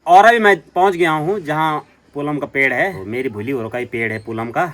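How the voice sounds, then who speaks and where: A man with a Garhwali accent and a heavy, booming voice, chatting and teasing as he narrates a casual vlog while walking outdoors through a hill village. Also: fairly quick, over music. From Uttarakhand, India. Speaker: vlogger. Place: outdoors on a village hillside path.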